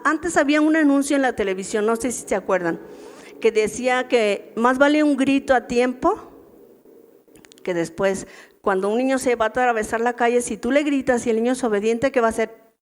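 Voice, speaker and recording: Chatty Mexican woman teaching church women. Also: fairly high pitch. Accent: Mexican Spanish. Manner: chatty, anecdotal, constant tag questions to the audience.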